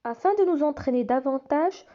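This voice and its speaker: A woman teaching young children to read, sounding out each syllable slowly and repeating it. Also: sits high, lively intonation, dull audio. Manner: slow, deliberate, repeats and stretches each sound. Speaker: reading teacher. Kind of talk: slow phonics lesson for young children.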